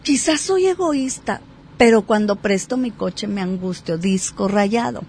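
A woman psychotherapist explaining a point in a talk show, lively and acting out example exchanges. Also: medium pitch, unhurried, slight background noise. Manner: animated, acts out example dialogues.

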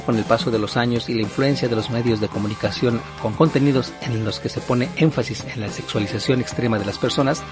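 A man hosting a broadcast interview show, speaking in a measured, formal presenter manner. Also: medium pitch. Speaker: radio show host.

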